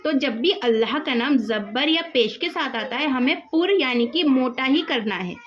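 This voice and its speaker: Woman recitation teacher, high-pitched, patient and methodical, dull lo-fi recording. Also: expressive, a little hiss or hum. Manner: patient, repeats examples slowly, drawn-out demonstrations. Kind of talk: tutorial on recitation rules.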